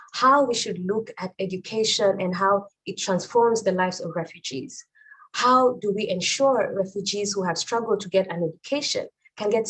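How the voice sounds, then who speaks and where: A woman's voice: medium pitch, breathy edge, poor audio. A woman in her thirties from Rwanda, a nurse giving a prepared keynote speech over a video call, earnest and reflective.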